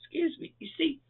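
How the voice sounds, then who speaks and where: Congested and going hoarse, a Florida man who vlogs about crochet rambles chattily to viewers from inside his home, often chuckling. His voice is extremely high-pitched and gravelly, with tinny, phone-like sound.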